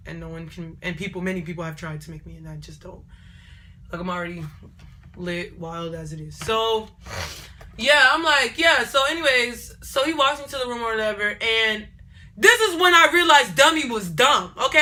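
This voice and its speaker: A young woman telling a casual storytime on her vlog, animated and digressive, often repeating herself. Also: a little high, moderate pace. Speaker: vlogger.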